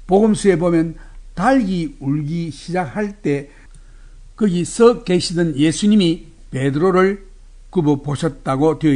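Earnest Korean preacher man, measured. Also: fairly high pitch, darkish tone. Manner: measured, earnest delivery, acts out quoted lines. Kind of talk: sermon.

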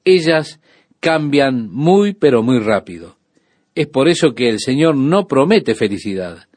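A man delivers a radio sermon in an unhurried, measured way, pausing often between phrases. His mid-pitched voice has a slight huskiness to it. The sound is close and dry, with no room echo. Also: husky. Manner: calm, measured preaching with frequent pauses. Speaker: radio Bible teacher.

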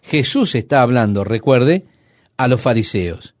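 A man preaching a sermon. He retells a Bible story in a conversational way, asks the listeners rhetorical questions and slows down to stress key sayings. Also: medium pitch, expressive, no room sound, studio quality.

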